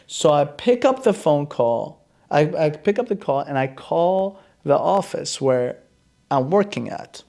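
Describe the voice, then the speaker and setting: A man with a slightly raised pitch and a gravelly, fry-laden texture tells his own story in a casual podcast monologue. He stays animated and acts out the quoted dialogue as he goes. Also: measured pace. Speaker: chiropractor and podcast host.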